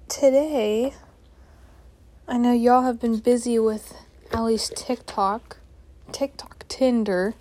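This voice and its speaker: Young woman, higher-pitched and unhurried, rambling casually as a scatterbrained solo podcast host. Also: warm tone. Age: young adult. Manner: scatterbrained, self-interrupting, apologetic. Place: bedroom at home.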